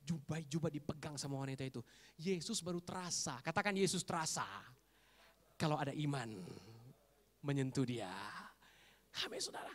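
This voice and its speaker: A man's voice: fairly high pitch, moderate pace, long pauses, a bit bright. A man preaching a sermon, calling on the congregation to say amen and mixing casual slangy asides with scripture. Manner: fervent call-and-response preaching, repeatedly prompting the congregation to say amen. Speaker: pastor. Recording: long hall reverb.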